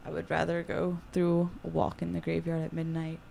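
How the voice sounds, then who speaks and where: A woman with a somewhat low voice chatting on a podcast, light and talkative, with a faint hiss of noise behind her. She stumbles into quick restarts as she answers. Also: monotone, vocal fry, warm tone. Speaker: podcast guest. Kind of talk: casual podcast chat.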